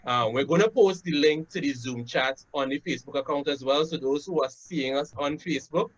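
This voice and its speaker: A man in his thirties from Trinidad and Tobago, with a Trinidadian accent, hosts a webinar from a room at home, speaking conversationally and often ending points with "right?" and filling gaps with "um." His voice is fairly high and a little fast, picked up by a laptop webcam mic on a video call, so the audio is dull and lo-fi.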